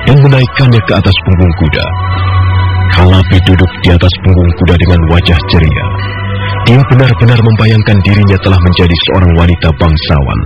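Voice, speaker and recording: A man's voice: deep voice, lively intonation, a little fast, over music. A man narrating an Indonesian radio drama serial in a dramatic, scripted storytelling style. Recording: dull radio recording.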